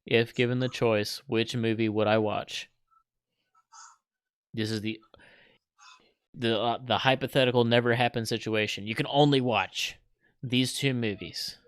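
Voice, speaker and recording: A man's voice: mid-range voice, fairly even intonation, unhurried, long pauses, clear, resonant tone, no echo, clean studio sound. A man co-hosting a casual podcast debate, earnest and emphatic, repeating his points. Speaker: podcast co-host.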